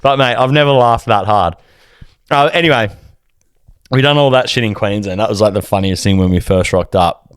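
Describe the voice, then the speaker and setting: A man's voice: on the low side, moderate pace, clean tone, dry recording, studio quality. A young Australian man on a podcast, telling a story in casual chat, swearing freely and acting out quotes in a raised voice. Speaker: podcast co-host.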